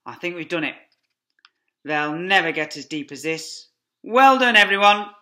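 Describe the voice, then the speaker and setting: A reader voicing Mister Fox, a brave, quick-thinking male fox who leads his family, speaking with urgent, commanding shouts in a storybook reading. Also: mid-range voice, expressive, pitched above the performer's own voice. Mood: relieved.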